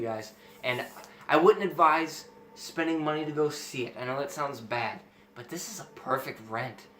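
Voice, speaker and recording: In a bright, forceful mid-range voice, a man hosting a film review show talks emphatically and enthusiastically in a casual movie review chat. Faint background noise and a roomy echo come through on the recording.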